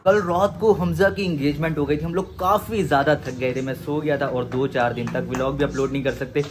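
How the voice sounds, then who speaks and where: Excited high-voiced young man vlogging. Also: a little fast, slight background noise. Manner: excited, teasing, loud exclamations. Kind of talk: casual chat. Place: home during family celebration.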